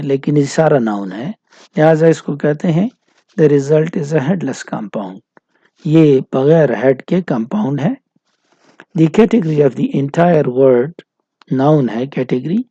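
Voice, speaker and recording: A Pakistani man lecturing to his students, reading English sentences slowly and deliberately, then explaining them at a quicker clip. His voice sits a bit high but sounds husky and mellow. The sound is dry and close. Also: no room sound, rough recording. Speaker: university lecturer. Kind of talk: recorded lecture mixing Urdu and English.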